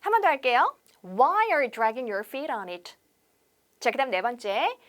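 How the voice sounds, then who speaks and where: A woman teaching English on television. She explains in Korean, asks rhetorical questions and drills example sentences slowly. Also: high-pitched. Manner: lively instructor patter with rhetorical questions.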